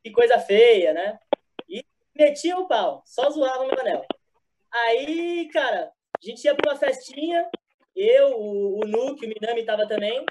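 A man's voice: very high-pitched, lively intonation, a little slow, noisy background. A man guest telling his own version of a story in a chatty, slightly sheepish way. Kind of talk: casual storytelling.

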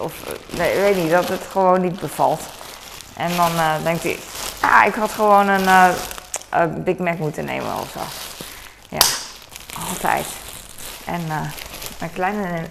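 A woman's voice: fairly low pitch, gravelly, background noise. A woman in her thirties vlogging casually at home, rambling and chatty with many fillers. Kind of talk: casual chore vlog chat. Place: at home, in the kitchen.

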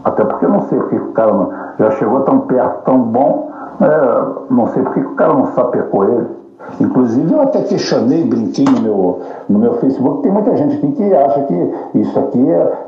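A man giving a casual political monologue, ironic, combative and full of profanity. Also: mid-range voice. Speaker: political commentator. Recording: roomy, dull lo-fi, faint music.

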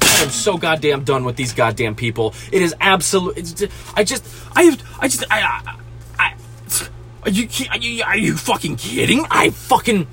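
A man's voice: high voice, pushed and bright. A man hosting a podcast, ranting furiously about restaurant customers, swearing constantly and stammering when angry. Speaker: podcast host and restaurant cook.

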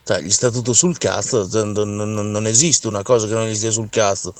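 A man's voice: on the low side, fairly even intonation, a little fast, dry recording, distant mic. A man leaving a casual spoken message in a blunt, colloquial, mildly profane way.

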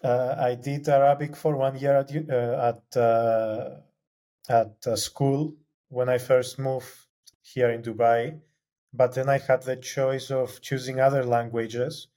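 This guest, a young film graduate from Cyprus who grew up speaking Greek, responds to interview questions haltingly, full of fillers and false starts. He talks slowly in a warm, mid-range voice with little pitch movement.

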